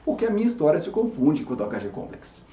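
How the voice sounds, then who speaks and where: A man's voice: on the high side, sing-song, quick pace, warm tone. A man in his fifties, a dermatologist, telling his own story in a chatty way with frequent restarts and self-corrections. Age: 50s. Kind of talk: personal story to camera. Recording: echoey room, dull lo-fi sound.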